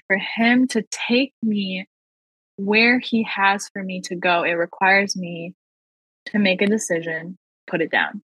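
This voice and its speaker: A woman with a husky, slightly breathy voice tells her personal faith testimony as a podcast guest. She speaks earnestly and slows down to lean on the words that matter. The sound is close and dry, with little room around it. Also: medium pitch, fairly bright tone, no echo, low-quality recording. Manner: earnest, slow and emphatic on key phrases.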